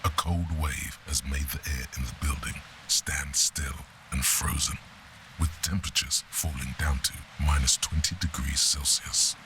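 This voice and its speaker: A man's voice: rumbling low, fairly even intonation, a little slow, sharp tone, a little hiss or hum, full character voice. A man narrating a video game in a solemn, descriptive, scripted style. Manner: solemn, descriptive, evenly paced. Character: grave, detached male game narrator.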